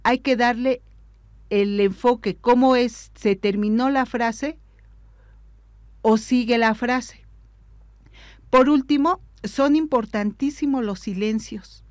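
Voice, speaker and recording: Slow, measured woman teaching. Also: a little high, a little mellow, no room sound, studio quality. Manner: measured, didactic, deliberate. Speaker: liturgy instructor. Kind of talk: instructional talk on liturgical reading.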